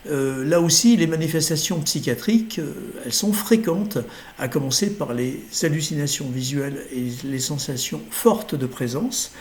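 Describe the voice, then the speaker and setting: A man's voice: on the high side, lively intonation, normal speed, a little mellow. A middle-aged man giving a recorded lecture over slides, hesitant, with many fillers and self-corrections. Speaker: lecturer in neurology.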